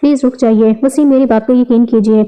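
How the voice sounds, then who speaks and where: A woman voicing a frightened young wife in a read-aloud story, speaking in a soft, pleading way. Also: on the high side, fairly even intonation, clean tone, lightly acted, rough recording.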